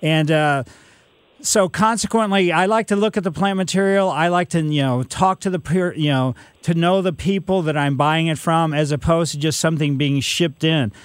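In a radio studio, a man in his sixties hosts a call-in gardening show, offering rambling, folksy advice peppered with "you know." His voice sits on the high side at a normal pace, with a clean tone and no echo.

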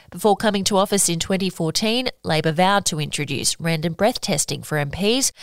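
A woman's voice: on the low side, no room sound, clean studio sound. A woman with an Australian accent reading a scripted news bulletin as its presenter.

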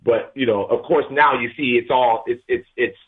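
Husky man calling in on speakerphone. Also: mid-range voice, steady tone, normal speed. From Atlanta, USA. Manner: rambling, restarts sentences often. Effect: phone line on speakerphone. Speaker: radio show caller. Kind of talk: call-in sports talk. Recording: tinny speakerphone call line.

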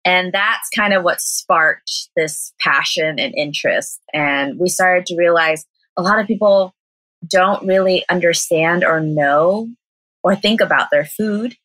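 Speaking at a measured pace, the young interview guest sounds low-pitched and a bit bright, recorded in low quality without room sound. She runs a vegan cafe, comes from Southern California with an American accent, and keeps things chatty, laughing and leaning on "like."

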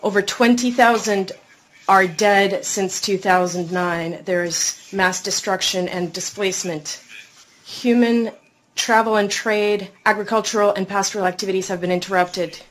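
A woman speaking as the live interpreter voice for a formal speech, in a measured, formal delivery. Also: mid-range voice, fairly even intonation, fairly bright tone, slight background noise, low-quality recording. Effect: live interpreter voice rendering a speech.

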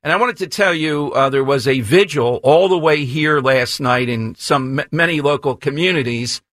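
A man's voice: a little high, moderate pace, fairly bright tone, no echo, clean studio sound. An American man hosting a talk radio interview, framing his questions in a polite, discursive, conversational way. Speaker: radio talk show host. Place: radio studio.

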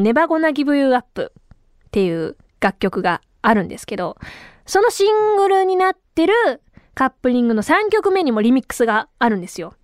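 A woman hosting a casual solo podcast, her high voice swinging up and down as she chats. She talks in an animated way and her voice is a bit tired from a long day of talking. The sound is close and dry, with no room around it. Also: clean tone, dry recording. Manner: chatty and animated, with frequent laughs. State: tired voice from talking too much. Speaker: radio and podcast host.

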